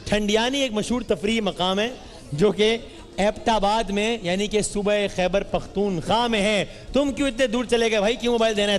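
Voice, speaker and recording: A man hosting a live studio quiz, teasing and bantering quickly with the audience. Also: high-pitched. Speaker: game show host. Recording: roomy hall with music and crowd.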